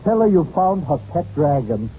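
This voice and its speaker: A man's voice: a little high, sing-song, moderate pace. An actor playing an anxious, polite, apologetic father in a 1940s radio comedy. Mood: grateful, helpful. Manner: earnest, apologetic. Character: anxious, polite neighbour father pleading a favour. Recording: noisy muffled 1940s radio recording.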